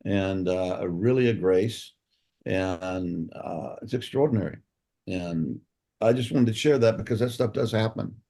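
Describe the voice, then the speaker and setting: A man co-hosting a podcast, telling a personal story in a halting, reflective way with pauses and fillers. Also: lowish voice, mellow. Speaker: podcast co-host.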